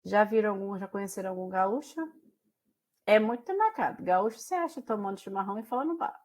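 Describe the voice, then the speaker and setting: A woman's voice: medium pitch, lively intonation, a little fast, darkish tone. A woman teacher from Mato Grosso do Sul with a Brazilian Portuguese accent tinged by São Paulo caipira speech, giving a chatty class lecture full of fillers and questions to her students. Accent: Brazilian Portuguese with São Paulo caipira influence.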